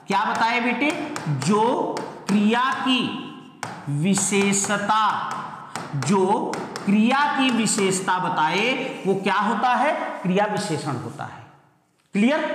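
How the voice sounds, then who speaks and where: A male teacher with a high, slightly bright voice gives an online grammar lesson, firing repeated questions at students and calling them "beta." He slows way down to spell out each example sentence. The room is very echoey with long reverb, and there's slight background noise.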